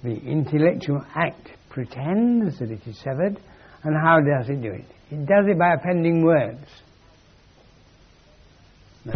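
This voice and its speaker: A man's voice: on the high side, breathy edge. A man giving a philosophical lecture in a wry, emphatic way, on a dull lo-fi recording. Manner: wry, emphatic, acts out quoted voices.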